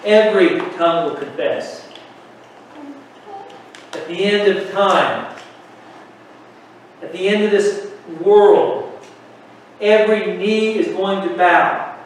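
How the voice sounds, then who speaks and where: Man preaching, high voice, slow deliberate delivery, emphatic, distant echoey recording. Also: a little hiss or hum. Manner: emphatic, rhetorical questions. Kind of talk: sermon. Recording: echoey room from far off.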